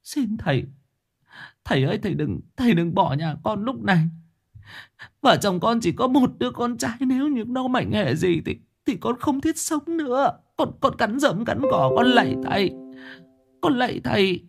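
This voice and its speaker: A man's voice: extremely high pitch, lively intonation, moderate pace, creaky, slightly rough, soft background music, voice pushed up, exaggerated voice. A man voicing a frantic middle-aged mother who begs and stammers. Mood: pleading. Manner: begging, tearful, stammering.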